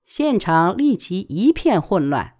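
Expressive female audiobook narrator. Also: medium pitch, slow, background noise. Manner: expressive, dramatic reading. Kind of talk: audiobook storytelling.

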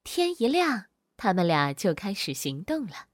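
Expressive woman reading a children's story. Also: mid-range voice, unhurried, no room sound, studio quality. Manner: expressive, soft and animated.

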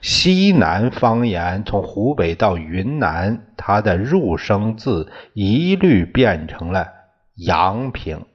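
A man teaching a class in a slow, deliberate way, often restating his terms. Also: fairly low pitch, sing-song, slightly rough. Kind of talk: lecture on classical poetry tones. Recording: dull lo-fi recording.

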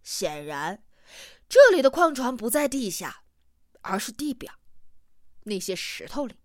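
A woman reading an audiobook, voicing a loud, hard-drinking male expedition leader with a blunt, boisterous manner. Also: mid-range voice, expressive, normal speed, no room sound, clean studio sound, close to an everyday voice. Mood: boastful.

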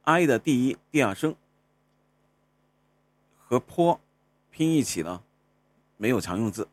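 A man's voice: medium pitch, big pitch swings, no room sound. A man teaching pronunciation in a recorded lesson, repeating single syllables and sliding them up and down to show each tone. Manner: slowly sounds out and repeats syllables, sliding up and down through tones. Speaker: Cantonese language teacher.

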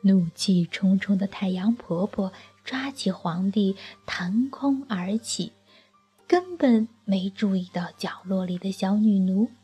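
Slow breathy lady reading a kids' folk tale, husky, quiet music under it. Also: medium pitch. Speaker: storyteller. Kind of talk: children's story narration.

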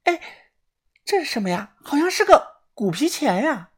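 A woman doing a chirpy, excitable girl. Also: high voice, normal speed, voice pushed up. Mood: excited. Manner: bright and chirpy. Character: cheerful greedy young woman.

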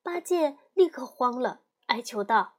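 A woman tells a storybook tale in a clear, lively narrating style. Her voice sits high. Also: unhurried.

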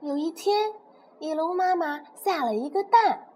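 A woman telling a children's story, expressive and playing with sound words. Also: very high-pitched, unhurried, slight background noise.

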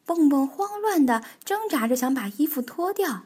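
A woman reading a storybook aloud for children as a storyteller, with an expressive manner. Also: high voice. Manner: slow, expressive, animated.

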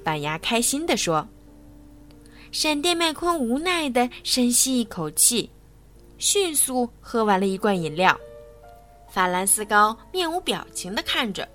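A woman storyteller narrating a bedtime story for children in a lively, expressive way. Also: on the high side, unhurried, soft background music.

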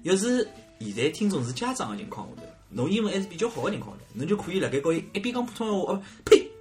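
Lively fast-talking Shanghainese man. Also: high voice, faint music behind. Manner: lively, joking storyteller. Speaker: podcast host. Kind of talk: casual chat.

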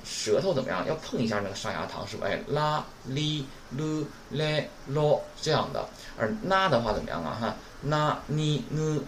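A man teaching Japanese in a recorded lesson, his pitch rising and falling in an animated way. He keeps asking his listeners questions and sounds out syllables slowly and clearly. The recording is roomy, with a faint hiss behind him. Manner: models pronunciation slowly and clearly. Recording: roomy with faint background noise.

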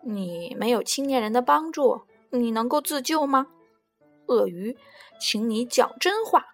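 A woman voicing a wise old male heron in a storybook, calmly questioning like a judge. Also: a little high, unhurried, faint music behind. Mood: earnest. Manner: calm, earnest questioning. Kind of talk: storybook character voice.

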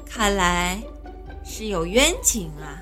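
A woman's voice: lowish voice, expressive, slow pace, a bit bright. A woman voicing a shrewd imperial consort who sees through schemes and coaxes the others along. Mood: knowing. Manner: knowing, coaxing. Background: background music.

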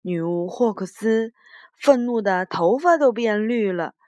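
A woman reading a children's storybook aloud as a gentle storyteller. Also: mid-range voice, expressive, no echo. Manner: slow, gentle read-aloud.

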